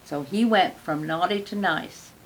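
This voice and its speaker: An older woman reading a children's picture book aloud, speaking gently and adding friendly asides to the listener. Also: lowish voice, a little slow, low-quality recording. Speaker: storyteller.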